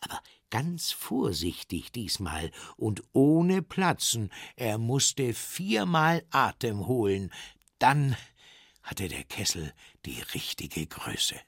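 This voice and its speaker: A man reading a children's story aloud, with very expressive, dramatic delivery. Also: slow pace, vocal fry, breathy edge, no echo, clean studio sound. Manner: very expressive, dramatic swings in pitch.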